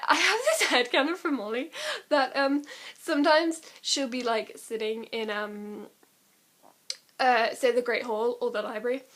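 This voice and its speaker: An amateur vlogger, a young woman with a slightly high, fairly bright voice, rambles casually through a vlog chat. She does impressions, giggling and laughing at herself along the way.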